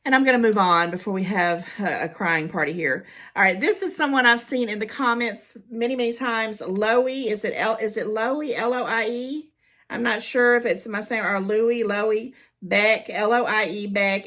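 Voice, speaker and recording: A woman's voice: medium pitch, a bit bright. A woman vlogger chatting casually and emotionally as she reads cards from her viewers. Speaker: haul vlogger.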